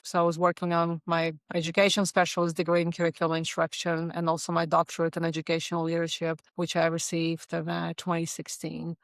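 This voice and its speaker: Woman in her 40s, superintendent guest; flat, even, smooth, earnest. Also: on the low side, no echo. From Latvia. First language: Latvian. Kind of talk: interview answers.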